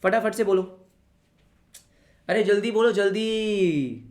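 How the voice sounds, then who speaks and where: A man's voice: high-pitched, moderate pace. A young man teaching a live online commerce class in Hinglish, who keeps asking the students rhetorical questions and calls them beta. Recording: echoey room.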